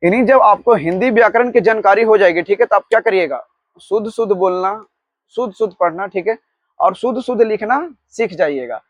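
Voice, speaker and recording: High-voiced man dictating a grammar lesson. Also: no room sound, highs cut off. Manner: slow dictation, repeating key words; explains with examples. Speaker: teacher. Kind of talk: Hindi grammar lecture.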